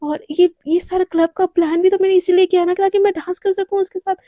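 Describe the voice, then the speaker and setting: A woman's voice: very high voice, steady tone, fast talker, warm tone, no room sound, voice pushed up. A woman voicing a smitten young man who pleads and coaxes, told in a Hindi story. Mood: coaxing.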